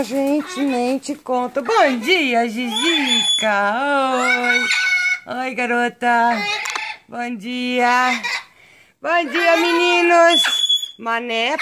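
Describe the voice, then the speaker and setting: A woman's voice: medium pitch, slight background noise. A Brazilian woman with a Brazilian Portuguese accent filming her backyard birds and pets. She talks to the animals in sing-song baby talk. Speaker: animal channel vlogger. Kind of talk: casual vlog talking to pets. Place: outdoors in a backyard with chickens.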